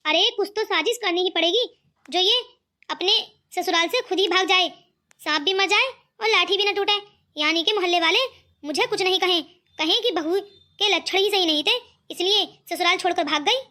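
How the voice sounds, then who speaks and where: A woman's voice: very high voice, moderate pace, sharp tone. A woman voicing a scheming, greedy middle-aged mother-in-law who scolds and taunts. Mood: scolding.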